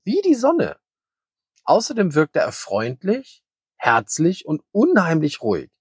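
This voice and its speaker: A man narrates a children's story in a calm, measured tone, his husky voice rising and falling in a lively way. The recording is dry and close, with no room sound. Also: medium pitch, dry recording.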